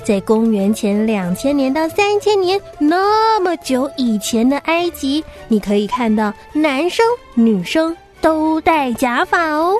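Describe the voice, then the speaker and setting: Female children's radio host, high and swooping delivery, animated and simple as if to small children. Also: a little slow, hardly any pauses, soft background music. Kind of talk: children's programme presenting.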